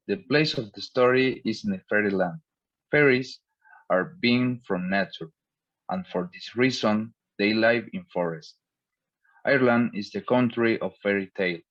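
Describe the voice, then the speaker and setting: Twenties guy from argentina, low voice, reads steady, dry close sound. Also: no room sound, lo-fi sound. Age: 20s. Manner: steady read-aloud delivery. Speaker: language student. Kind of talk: classroom presentation.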